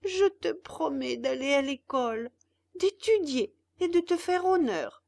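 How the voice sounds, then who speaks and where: Woman voicing a squeaky, bratty puppet boy, fussy and whiny, storybook reading. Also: lively intonation, measured pace, vocal fry, darkish tone, full character voice. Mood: pleading. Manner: whining and demanding, fussy.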